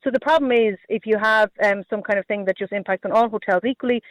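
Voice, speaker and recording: A man with a noticeably high voice and a west of Ireland accent speaks in a dry, close radio setting. He answers like a politician, hesitating, restarting and leaning on filler phrases as he makes his case. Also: quick pace, a bit bright, no echo, low-quality recording. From Galway, Ireland. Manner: hesitant, repetitive, heavy use of "you know" and "like". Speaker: politician, party representative.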